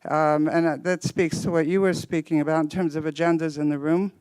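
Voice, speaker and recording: A man with a fairly high, smooth, clear voice speaks close and dry, slightly out of breath. He talks in a thoughtful, measured way on a therapy panel, at an even pitch. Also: no room sound, low-quality recording. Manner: thoughtful, measured, cites theory. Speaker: psychotherapist panelist. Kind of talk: panel discussion comment.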